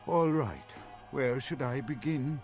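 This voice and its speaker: A man's voice: mid-range voice, slow pace, soft background music, natural voice. A man voicing an anxious, indignant archaeologist who is held captive in a video game, with a scholarly, lecturing manner.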